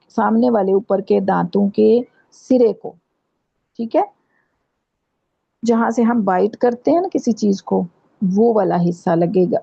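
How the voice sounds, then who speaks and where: A woman with a Pakistani Urdu accent teaching Quran pronunciation in an online class, patiently repeating letters slowly to demonstrate. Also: mid-range voice, creaky, husky. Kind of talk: online tajweed lesson. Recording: dull lo-fi online class audio.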